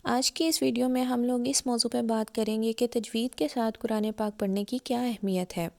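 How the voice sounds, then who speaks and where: A woman's voice: on the high side, fairly even intonation, gravelly, a little mellow. Patient woman teaching Quran recitation. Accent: Urdu-speaking Pakistani. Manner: patient, repeats and spells out letters slowly. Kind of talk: explanatory religious lesson.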